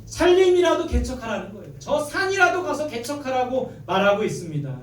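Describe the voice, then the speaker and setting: A man preaching to his congregation, his pitch sitting high as he reads scripture and calls for amens. He sounds set back from the microphone in a reverberant sanctuary. He leads the room in repeating verses after him. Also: very animated, a little fast. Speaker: pastor. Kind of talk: sermon. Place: church sanctuary. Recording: echoey church, mic at a distance. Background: congregation answering amen.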